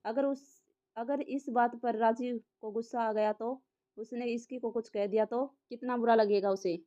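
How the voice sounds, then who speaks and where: Anxious, gentle mom, woman reading, mellow voice, lo-fi. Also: on the high side, fairly even intonation, moderate pace, lightly acted. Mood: worried. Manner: worried, explaining. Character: middle-aged mother, worried and gentle. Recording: slightly dull lo-fi audio.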